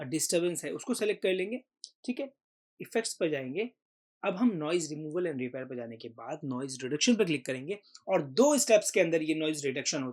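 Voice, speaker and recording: A man hosting a software tutorial, patiently explaining each step and mixing in English terms. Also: a little high. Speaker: tutorial host. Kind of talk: screen-recorded software tutorial.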